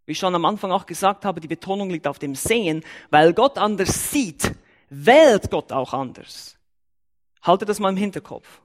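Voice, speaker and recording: A man's voice: sits high, expressive, normal speed. A man who is a church elder, giving an emphatic Bible-teaching sermon and numbering and repeating his points.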